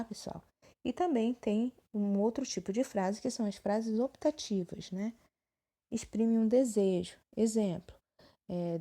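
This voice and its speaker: A woman with a Brazilian Portuguese accent explains grammar in a recorded lesson, recorded on a phone. Her voice sits at a middling pitch with a dark, mellow tone. She keeps checking in with her students as she goes. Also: vocal fry. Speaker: teacher. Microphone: phone screen recording.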